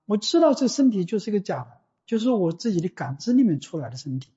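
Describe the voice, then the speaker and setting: Mellow-voiced Buddhist teacher, dull recording. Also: medium pitch, big pitch swings. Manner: slow and deliberate, often asking "you know?". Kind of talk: dharma talk.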